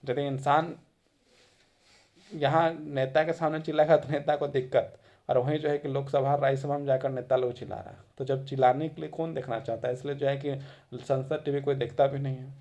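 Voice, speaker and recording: A man's voice: medium pitch, fairly even intonation, a little fast, darkish tone, muffled recording. A man giving a classroom lecture in a conversational way, repeating phrases for emphasis. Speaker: teacher.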